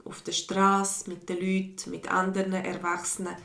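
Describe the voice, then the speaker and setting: A Swiss language teacher with a mixed Swiss German accent gives a slow, patient online lesson, reading viewers' comments aloud and answering their questions. Her medium-pitched voice is creaky, a bit bright, and completely flat. The room is echoey.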